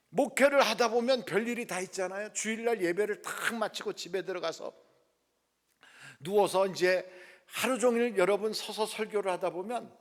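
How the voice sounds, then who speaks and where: A middle-aged male pastor preaching a sermon, telling a story with lively delivery and acting out the people in it. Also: high voice. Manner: lively storytelling, acts out quoted voices softly. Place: prayer house worship hall. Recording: long hall reverb.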